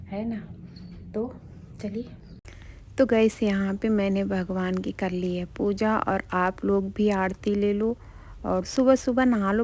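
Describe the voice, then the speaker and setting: Over a little hiss or hum, a medium-pitched woman chats her way through a morning vlog, cooking and cleaning in her kitchen and heading outdoors. She talks viewers through each chore casually, occasionally going soft to avoid bothering the neighbours.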